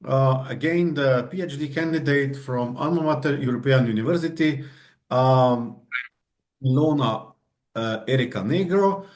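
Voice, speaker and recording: A man moderating a conference on a video call, introducing the next presenter with halting uhs. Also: mid-range voice, a little mellow, slight background noise. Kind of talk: introducing speakers.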